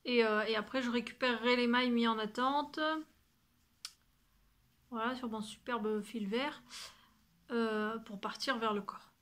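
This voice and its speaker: Chatty french-speaking lady vlogging her knitting, bright voice, a bit high, rambles and swears. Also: fairly even intonation, unhurried, pauses often. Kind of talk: casual chat to camera.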